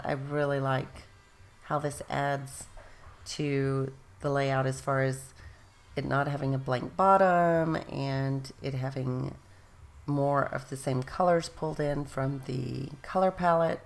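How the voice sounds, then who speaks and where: This woman host speaks low and creaky while describing how she scrapbooks in a rambling, chatty manner. She keeps correcting herself, and her voice is straining as it fades.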